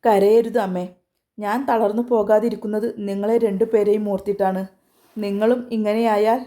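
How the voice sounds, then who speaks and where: A woman voicing a heartbroken young woman who hides her tears and speaks in a quiet, restrained way. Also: medium pitch, little pitch movement, moderate pace, lightly acted.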